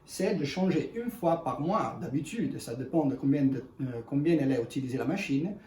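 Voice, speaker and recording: A man in gives an unscripted product demonstration in halting, self-correcting, speech. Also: mid-range voice, expressive, mellow. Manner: halting non-native French with self-corrections. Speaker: ice cream machine presenter. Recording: echoey room, distant mic, faint noise.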